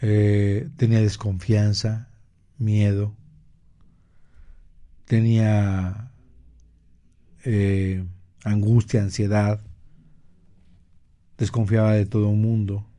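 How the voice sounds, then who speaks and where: A man hosting a radio health show, explaining terms and recounting a therapy case in a measured way, with frequent pauses and fillers. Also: lowish voice, little pitch movement, dark tone. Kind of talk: slow explanatory talk.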